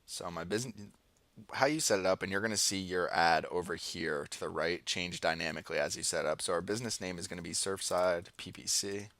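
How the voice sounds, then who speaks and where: Fairly quick and fairly bright, this low male voice belongs to an American online marketing tutorial presenter. He demonstrates steps in an informal, partly improvised screen-share walkthrough, thinking out loud, and there's no room sound.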